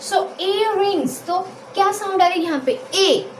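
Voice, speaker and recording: Indian woman teacher, high pitched, repeats question-and-answer drills, roomy recording. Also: lively intonation, moderate pace. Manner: repetitive call-and-answer questioning. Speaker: English teacher. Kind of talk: classroom grammar lesson. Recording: echoey room with faint noise.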